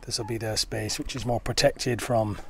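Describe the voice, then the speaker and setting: A man's voice: fairly low pitch, fairly even intonation, moderate pace, noisy background. A man chatting casually and upbeat to camera for his family vlog, outdoors in a rural village and garden. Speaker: family vlogger.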